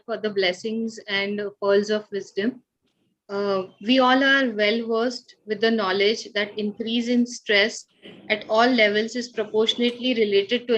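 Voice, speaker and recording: A woman's voice: fairly high pitch, fairly even intonation, moderate pace, a bit bright. A woman with an Indian accent hosting a webinar in a formal, polite and deferential way. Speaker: webinar host. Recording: dull online call audio.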